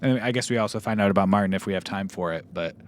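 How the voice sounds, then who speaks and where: A man's voice: fairly low pitch, racing, a little hiss or hum. A man streaming a game, thinking aloud in casual commentary and musing with many fillers. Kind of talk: casual let's-play commentary.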